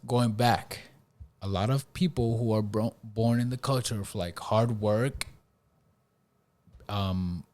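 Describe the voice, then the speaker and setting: A man's voice: fairly low pitch, slow pace, darkish tone. A man hosting a podcast in a casual chat, laid-back and tagging his points with "bro" and "right?". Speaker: podcast host.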